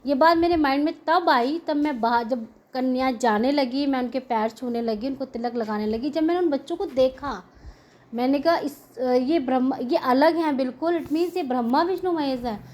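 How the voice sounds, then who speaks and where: High-voiced woman giving a grateful testimony. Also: moderate pace, darkish tone. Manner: earnest, grateful, heartfelt storytelling. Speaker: devotee sharing a testimony. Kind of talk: devotional testimony to a prayer group.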